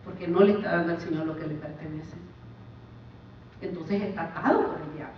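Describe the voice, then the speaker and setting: A woman's voice: low voice, a little fast, slight background noise. Woman preaching in an echoey church. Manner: preaching with emphatic rises and drops. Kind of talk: sermon. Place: church sanctuary. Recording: echoey far-off church mic, dull sound.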